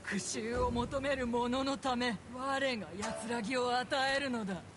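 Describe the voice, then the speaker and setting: Video game villainess voiced by an actress: spectral woman warrior out for revenge, menacing and theatrically slow, noisy background. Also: a little high, steady tone, lightly acted. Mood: menacing, vengeful. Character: vengeful female ghost warrior, menacing villain. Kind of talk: dramatic video game acting in Japanese. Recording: noisy game audio with ambience.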